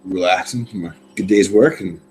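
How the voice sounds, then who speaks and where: A man's voice: low-pitched, moderate pace, a little mellow, slight background noise. A man co-hosting a casual livestream, easygoing and chatty. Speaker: livestream co-host.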